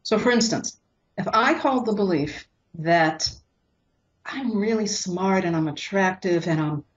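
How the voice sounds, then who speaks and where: A woman counselor calmly explaining couples' conflicts in an interview, sometimes acting out what partners say. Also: medium pitch, measured pace, highs cut off. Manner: acts out quoted couples in lively voices. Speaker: relationship counselor.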